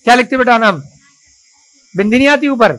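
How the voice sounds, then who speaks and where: A man teaching children to write a script in a classroom, coaxing and praising them and spelling out each stroke slowly. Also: extremely high pitch, fairly bright tone, rough recording.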